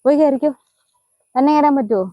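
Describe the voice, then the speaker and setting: A young woman vlogger from Idukki, Kerala, talks fast and enthusiastically with an Idukki Malayalam accent in a high-pitched, dark-toned voice, filming casually at an outdoor nature park. Chatty, she speaks to her child between remarks. The sound is lo-fi with no room sound.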